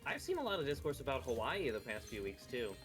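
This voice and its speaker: A man's voice: mid-range voice, huge pitch swings, fast, fairly bright tone, faint music behind. A man co-streaming a video game, chatting casually and riffing sarcastically. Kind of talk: casual chat over gameplay.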